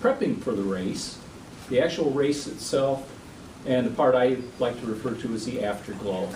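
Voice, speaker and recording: A man's voice: mid-range voice, normal speed, darkish tone. A man giving an informal podium speech to an audience, with self-deprecating humour. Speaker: club member giving a prepared speech. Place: meeting room at a podium. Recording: echoey room, distant mic, clear background noise.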